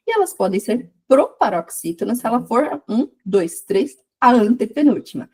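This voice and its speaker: A woman gives a grammar lesson in a soft, breathy voice. She explains patiently and stretches each example word slowly. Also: fairly high pitch, big pitch swings. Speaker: Portuguese teacher.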